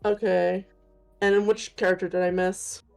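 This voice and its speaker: A woman's voice: on the low side, flat delivery, normal speed, vocal fry, music in the background. A woman joining a stream chat, speaking in a hesitant, apologetic way. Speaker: guest in a reading collab. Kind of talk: casual chat.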